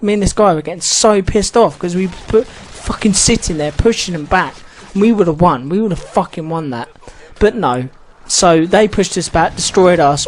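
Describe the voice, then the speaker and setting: A man's voice: high-pitched, a little hiss or hum. Swearing man ranting about a game. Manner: heated, swears a lot, rambling with frequent restarts. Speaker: gaming channel host. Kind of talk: casual ranting monologue.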